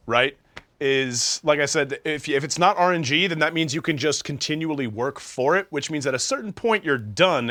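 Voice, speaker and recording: A man's voice: medium pitch, fairly bright tone, no echo. A young man co-hosting a casual gaming podcast, explaining at length with many fillers. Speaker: podcast co-host.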